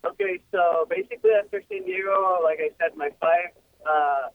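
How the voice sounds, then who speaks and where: Brief: young male guest, raised pitch, lively and easygoing, tinny phone line. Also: normal speed, slight background noise. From Ecuador. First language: Spanish. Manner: lively, easygoing, many fillers. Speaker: racing guest. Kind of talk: casual phone interview.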